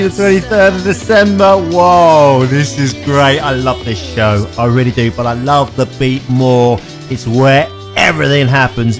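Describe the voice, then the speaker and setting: English male radio host, chatty, stumbles and restarts, mid-pitched, music faint behind. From England. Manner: chatty, halting with many restarts. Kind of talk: radio interview. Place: radio station.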